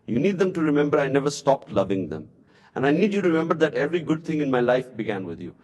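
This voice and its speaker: A man voicing a calm, loving father saying goodbye to his wife, speaking quietly and gently. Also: medium pitch, fast. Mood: tender. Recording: long hall reverb.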